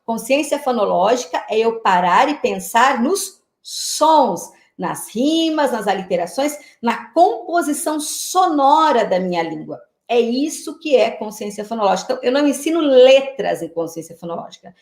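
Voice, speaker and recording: Brazilian woman teacher trainer, slightly high voice, explains patiently with "né?" tags, roomy webcam sound. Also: sing-song, moderate pace, hardly any pauses, a little mellow. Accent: Brazilian Portuguese. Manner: explanatory, repeats "né?" and "tá?" often. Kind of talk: online lecture to teachers. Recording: roomy echo.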